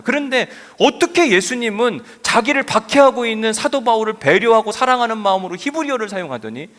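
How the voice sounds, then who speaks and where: A man preaching a sermon as pastor, asking the congregation questions in an animated way. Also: high-pitched. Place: church sanctuary. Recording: church hall reverb.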